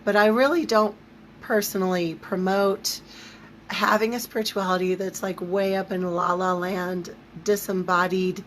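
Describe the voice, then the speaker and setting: Squeaky, allergy-strained woman teaching informally. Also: little pitch movement, unhurried, a bit bright, low-quality recording. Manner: conversational, emphatic, down-to-earth asides. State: throat and voice affected by allergy. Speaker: spiritual teacher leading a live online series. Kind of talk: informal livestream lesson. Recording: noticeable background noise.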